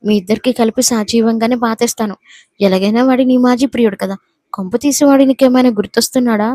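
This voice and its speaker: A woman's voice: on the high side, quick pace, mellow, no room sound, natural voice. A woman voicing a cruel, scornful young husband who speaks in a mocking, menacing way.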